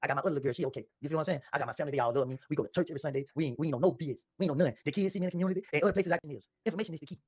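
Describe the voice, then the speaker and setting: Husky man telling his side, fast. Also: fairly high pitch, dry recording, studio quality. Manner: defensive, insistent, repetitive. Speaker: interviewee. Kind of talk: emotional interview storytelling.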